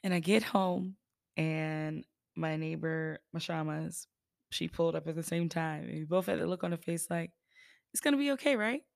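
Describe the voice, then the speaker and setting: A woman hosts her podcast as a chatty storyteller. Her pitch sits a little low, with noticeable vocal fry. The sound is close and dry, with no room echo. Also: little pitch movement, moderate pace. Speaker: podcast host. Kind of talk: casual chatty monologue, storytelling.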